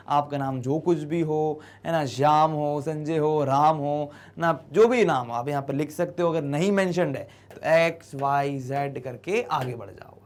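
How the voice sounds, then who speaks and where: Male teacher, Indian accent, fairly high voice, bilingual classroom explainer who asks and answers his own questions. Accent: Indian English. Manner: mixes Hindi explanation with slow read-out English. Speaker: English teacher. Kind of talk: classroom lesson explaining an exercise.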